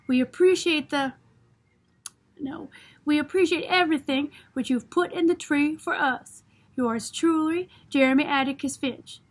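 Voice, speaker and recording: A woman's voice: sits high, measured pace. Jem, a woman reading as a puzzled boy. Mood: careful. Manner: drawling Southern small-town speech. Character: earnest boy of about twelve, secretive and puzzled. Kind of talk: audiobook reading.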